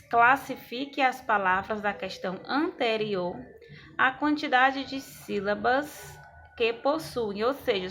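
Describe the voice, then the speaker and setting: A woman's voice: on the high side, bright, forceful tone. A woman, a schoolteacher explaining exercises step by step and checking in with her students. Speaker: school teacher. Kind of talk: recorded class lesson.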